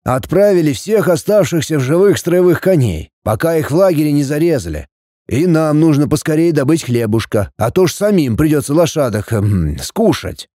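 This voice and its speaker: A man reading a storybook and voicing a calm, practical middle-aged army commander who reports matter-of-factly. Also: on the high side, moderate pace, dry recording, clean studio sound.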